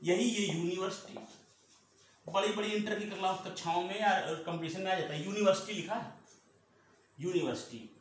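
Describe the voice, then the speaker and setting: Male teacher, fairly high lively voice, drills points by repeating them, recorded in a very echoey room with faint noise. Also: brisk. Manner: repeats points, asks and answers own questions. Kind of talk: classroom lesson.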